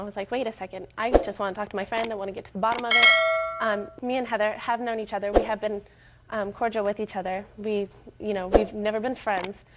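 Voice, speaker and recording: A young adult woman testifying as a defendant in court, nervous and rambling with many ums and restarts. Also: mid-range voice. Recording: noisy TV courtroom audio.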